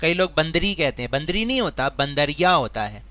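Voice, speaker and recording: A man with a bright, ringing voice pitched a little high teaches a grammar worksheet. He goes patiently step by step and puts questions to his students. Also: very animated, fairly quick, dry recording. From India. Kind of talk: worksheet lesson.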